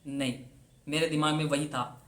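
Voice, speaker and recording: A man's voice: on the high side, steady tone, moderate pace, a bit bright. A young man giving a casual, earnest motivational talk to exam aspirants. He talks chattily, drops English words into his speech, and keeps repeating his advice to push the point. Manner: earnest, urging and repetitive. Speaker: banking exam coach. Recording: roomy echo.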